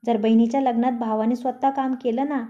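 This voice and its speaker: A woman's voice: a little high, fairly even intonation, a little fast, dark tone, highs cut off, close to an everyday voice. A woman voicing a stern, caring middle-aged mother. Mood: scolding. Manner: scolding, instructive.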